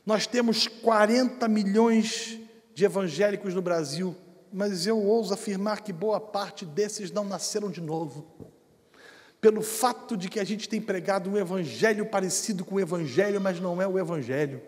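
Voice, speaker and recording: A man preaching a sermon as a pastor, swinging from hushed, quiet storytelling to shouted, impassioned proclamation. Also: high voice, moderate pace. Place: church sanctuary. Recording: long hall reverb in a church.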